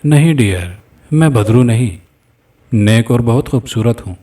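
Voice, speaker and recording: A man's voice: medium pitch, animated, warm tone, natural voice. A man reading the lines of a female spirit in a horror story, coaxing and threatening. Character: seductive menacing female spirit. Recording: distant mic with faint music.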